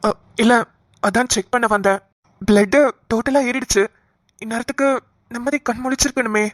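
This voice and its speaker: A woman voicing a calm young male doctor who reassures the family in an animated cartoon. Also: a little high, normal speed, dry recording, studio quality, lightly acted. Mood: reassuring. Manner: soothing, explaining patiently.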